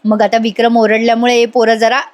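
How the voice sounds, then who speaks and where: A woman's voice: a little high, a little fast. A woman reviewer chatting through a TV serial episode recap, talking straight to her viewers and laughing easily. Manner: animated, chatty, addresses viewers directly; laughs often while recapping.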